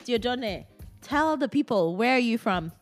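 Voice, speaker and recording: A woman hosting a chatty interview show, speaking in an expressive, conversational way with short reactions to her guest. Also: on the high side, unhurried, music in the background. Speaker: show host.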